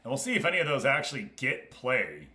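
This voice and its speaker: This game streamer talks fast in a sing-song, sharp-toned voice of medium pitch, addressing his viewers casually and directly. The space around him is roomy, with noticeable echo.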